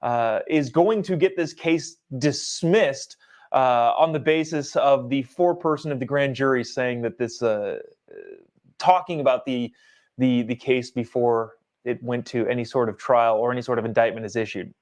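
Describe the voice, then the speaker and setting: A young man hosting a live political talk stream, giving casual commentary and reading viewer comments aloud in an animated way. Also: medium pitch, moderate pace. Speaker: livestream host.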